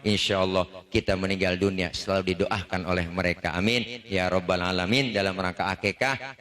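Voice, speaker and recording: Betawi preacher telling lively stories. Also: male voice, sits low. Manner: lively storytelling, acting out scenes with voices. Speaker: Islamic preacher. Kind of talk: humorous sermon at a religious family gathering.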